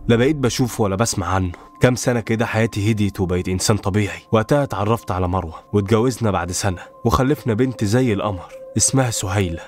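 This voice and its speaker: A man's voice: on the low side, racing, hardly any pauses. A man with an Egyptian Arabic accent narrating a first-person horror story in a dramatic, intense way. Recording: voice over background music.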